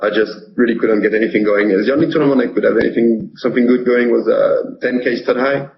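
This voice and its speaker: A young man from France with a French accent, speaking in a halting way with many fillers as a guest in a casual interview. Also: mid-range voice, steady tone, gravelly, lo-fi sound, slight background noise. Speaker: poker pro guest.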